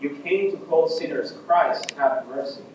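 A man serving as priest and leading a Mass in a large church, with a heavy cathedral echo. He moves from a relaxed, chatty greeting to formal prayer. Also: fairly high pitch, unhurried, over a noisy crowd. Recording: muffled echoey church from far off.

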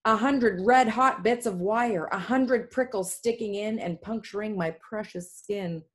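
A woman reads a rhyming story aloud to young students during an online class. She speaks at a medium pitch, comes through a video-call mic, and keeps the reading lively with quick asides. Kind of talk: reading a poem aloud to children.

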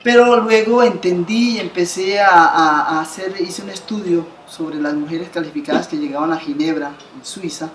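An interview guest in her fifties, originally from Colombia and founder of an association, tells her story earnestly, gesturing, restarting many times and repeating words. She speaks low at a moderate pace with hardly any pauses. Slight hiss or hum and roomy sound come from the bright living room by a window where she sits.

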